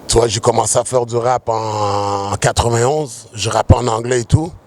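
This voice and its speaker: A man's voice: medium pitch, steady tone, moderate pace. Rapper guy in his 40s, easygoing and rambling, tosses in english slang, street interview. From United States, raised in Quebec. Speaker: rapper guest. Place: outdoors on a city street.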